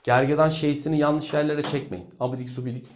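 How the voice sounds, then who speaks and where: A man teaching English with jokes and mocking asides, lively and teasing. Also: on the high side, quick pace, a little hiss or hum. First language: Turkish. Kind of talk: comedic lesson rant.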